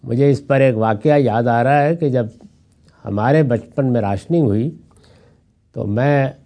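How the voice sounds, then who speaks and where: A man's voice: mid-range voice, dark tone. An older man giving a Quran commentary lecture as an Islamic scholar, telling anecdotes and reciting Arabic verses.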